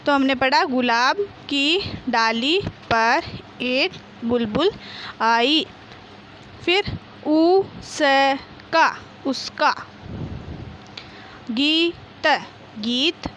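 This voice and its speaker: A woman with a high voice leads a reading lesson for young children. She speaks slowly and breaks words into syllables. She asks her own questions and answers them, with faint traffic noise in the background. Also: fairly bright tone. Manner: sounds out syllables, then repeats whole words. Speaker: primary school teacher.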